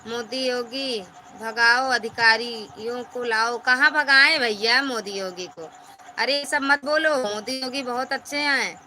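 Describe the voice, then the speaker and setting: A woman's voice: a little high, a little slow, bright, forceful tone, a little hiss or hum. A woman, hosting a live stream and chattily reading out and thanking viewers' comments by name.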